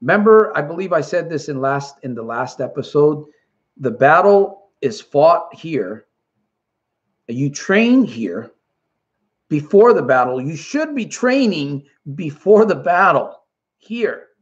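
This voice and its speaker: In dull-sounding audio, a man with a fairly high voice speaks slowly but very animatedly. He's a middle-aged Puerto Rican raised in Connecticut, a recovery coach running a motivational live stream and earnestly, repetitively reading out the chat.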